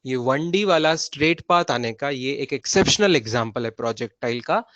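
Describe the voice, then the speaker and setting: A man's voice: mid-range voice, lively intonation, moderate pace, fairly bright tone, no room sound, lo-fi sound. A man with an Indian accent teaching a physics lesson online, repeating key phrases and checking with his students as he goes. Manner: mixes Hindi and English.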